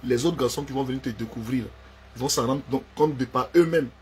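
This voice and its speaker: A man's voice: medium pitch, a little fast, a little hiss or hum. A man, delivering a heated, confrontational personal rant and repeating himself for emphasis.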